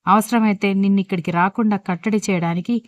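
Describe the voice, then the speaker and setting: A woman's voice: medium pitch, fairly even intonation, fast, no room sound, natural voice. Woman reading as a stern scolding husband. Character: stern angry older husband, blunt. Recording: dull dry lo-fi recording.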